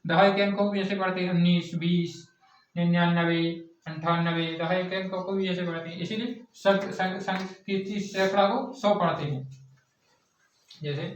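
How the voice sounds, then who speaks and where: A man's voice: sits high, steady tone, normal speed. A male teacher drilling a math lesson, asking questions and answering them himself in a repetitive classroom style. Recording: echoey distant lo-fi classroom recording.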